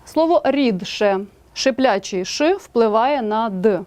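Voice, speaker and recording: A woman with a Ukrainian accent narrates a scripted lesson. Her voice sits a little high. She pronounces each example word slowly and carefully. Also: expressive, darkish tone. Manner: clear, slow enunciation of example words. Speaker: language teacher.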